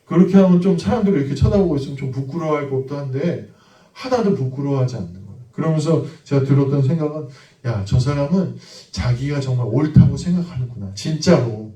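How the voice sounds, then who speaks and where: A man's voice: medium pitch, animated, quick pace, dark tone. A man preaching a sermon as a pastor, telling an everyday story and then pressing his point with emphatic preaching. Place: church sanctuary. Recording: echoey room, mic at a distance.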